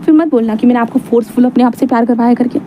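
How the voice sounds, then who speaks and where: Woman playing a cocky teasing young guy in a romance story, high warm voice, laid back. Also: rapid-fire, a little hiss or hum, lightly acted. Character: confident teasing young man, playful suitor.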